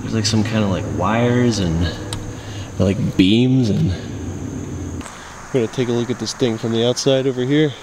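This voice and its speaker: A man's voice: medium pitch, normal speed, long pauses. Rambling young man filming outdoors. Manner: loose, rambling with many "like" fillers. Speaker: vlogger exploring abandoned sites. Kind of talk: casual walk-and-talk narration. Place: outdoors in an overgrown empty lot. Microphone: handheld camera at arm's length. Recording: outdoor camera audio with clear insect noise. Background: insects and distant traffic outdoors.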